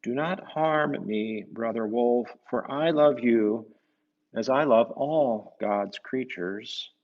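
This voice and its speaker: A man voicing a gentle, calm saint from a storybook, speaking slowly, solemnly and tenderly. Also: mid-range voice, highs cut off, lightly acted. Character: gentle, calm male saint, friend of animals.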